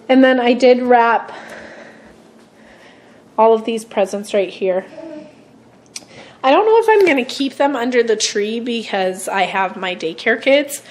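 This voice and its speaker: A young woman vlogging at home to her camera, hoarse from a cold, chatting in a rambling way with many ums and throat-clearing. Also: fairly high pitch, darkish tone, rough recording. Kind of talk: casual vlog chat to camera. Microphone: camera set on a surface.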